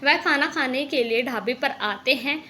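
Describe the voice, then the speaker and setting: A woman narrates a cartoon moral story in a high voice, telling it plainly and steadily. A faint hum sits under the recording. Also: a little slow. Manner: plain storytelling, even delivery.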